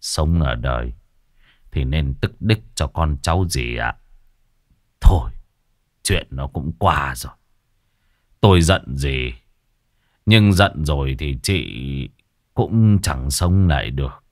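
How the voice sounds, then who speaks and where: A man playing a stern, gruff widower who speaks heavily and wearily. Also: low-pitched, big pitch swings, normal speed, pauses often, no room sound, studio quality. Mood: resigned. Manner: gruff, heavy, weary sighing.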